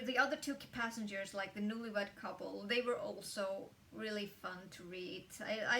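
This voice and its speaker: A woman's voice: medium pitch, a bit bright, distant mic, slight background noise. A woman casually reviewing a book, talking in a chatty way with lots of fillers and restarts.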